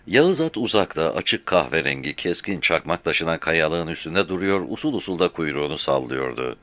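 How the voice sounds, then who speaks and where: Brief: deep-voiced male audiobook narrator, very lively delivery, dry close recording. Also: moderate pace, no room sound. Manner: reads every character's dialogue himself, raising his voice for shouts. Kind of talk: scripted narration of a novel.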